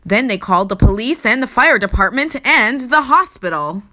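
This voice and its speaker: A woman with a fairly high voice reads a children's story aloud, narrating expressively with deliberate, theatrical emphasis.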